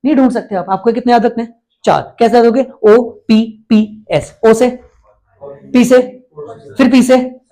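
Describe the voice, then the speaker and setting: Mellow-voiced male teacher quizzing his class. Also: sits high. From India. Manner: keeps quizzing and repeating answers. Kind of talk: exam-prep lecture with call-and-response.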